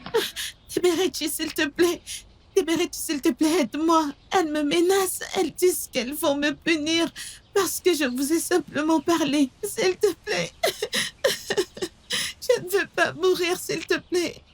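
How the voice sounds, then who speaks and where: A woman's voice: high voice, fairly even intonation, moderate pace, soft background music, lightly acted. A woman playing a terrified sobbing girl. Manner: begging, sobbing, repeating pleas. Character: terrified young woman pleading for her life. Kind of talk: dubbed film acting.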